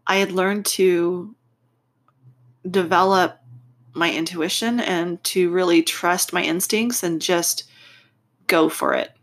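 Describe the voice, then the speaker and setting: A woman hosting a reflective personal podcast, speaking in deliberate, expressive phrases with a congested, nasal voice from a stuffed-up nose. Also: fairly low pitch. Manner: unhurried, deliberate phrasing with pauses. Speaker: podcast host.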